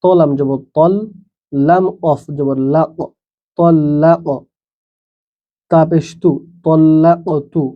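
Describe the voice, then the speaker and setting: Male Quran reading teacher, fairly high voice, very slow, deliberate letter-by-letter drilling, muffled lo-fi recording. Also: flat delivery. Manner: spells out each letter and vowel mark, then blends the syllables; plain explanatory asides between the drills.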